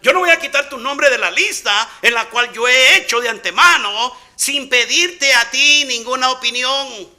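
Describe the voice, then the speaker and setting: A man's voice: very high-pitched, moderate pace, hardly any pauses, bright, forceful tone, full character voice. A man playing a stern, exasperated God. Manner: scolding, insistent.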